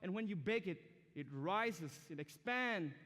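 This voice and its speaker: Expressive and a little slow, a young man's high, fairly bright voice carries through a large church or university auditorium with long hall reverb. He is a student speaker from Myanmar preaching a sermon to students, chatty and direct, asking the crowd questions.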